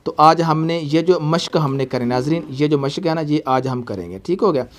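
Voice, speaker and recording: A man with a Pakistani Urdu accent teaching a Quran reading lesson, patiently spelling out sounds slowly and often checking that the student follows. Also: a little high. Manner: patient, repeats checks like "okay?", slow drawn-out spelling for the child to echo. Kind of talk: recorded online reading lesson.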